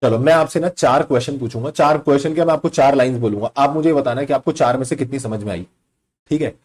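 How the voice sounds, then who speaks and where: A man's voice: medium pitch, quick pace, a little mellow. A young man giving a live online law lecture, mixing in English terms and quizzing his students in a chatty, teasing way. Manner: quizzing students, conversational Hindi mixed with English.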